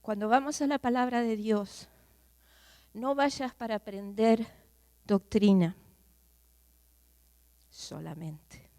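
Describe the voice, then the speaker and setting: A woman preaches to a congregation in a church, her voice pitched somewhat high and the sound dry and close. She swings from loud, fervent outbursts down to hushed, almost whispered lines. She keeps turning to the listeners with direct questions. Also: takes it slowly, long pauses, no echo. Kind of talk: sermon to a congregation.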